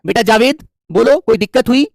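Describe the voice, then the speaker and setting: A man teaching Hindi grammar in an online exam-prep lesson, affectionate and reassuring, and sometimes dictating slowly word by word as he writes. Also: very high voice, lively intonation, vocal fry, dry recording, studio quality. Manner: affectionate and reassuring, keeps calling students "dear children".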